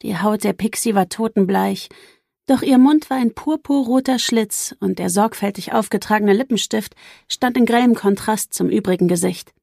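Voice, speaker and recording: A woman reading a novel aloud as an audiobook narrator, in a measured, even storytelling manner. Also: mid-range voice, creaky, dry recording, studio quality. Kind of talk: scripted narration.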